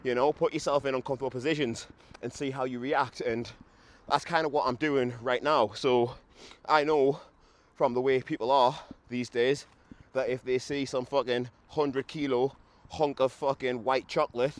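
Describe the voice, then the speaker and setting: A young man's medium-pitched voice stays steady at normal speed, with hardly any pauses. The hungover podcaster, still a bit drunk after a run, walks a street giving a casual, sweary, blunt and self-mocking talk to camera. His handheld setup picks up loud traffic.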